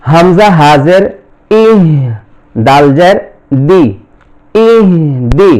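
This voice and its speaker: A high, smooth voice with a darkish tone belongs to a Bangladeshi-accented man teaching Quran reading. In this slow lesson he spells out each letter and vowel, then repeats the syllables.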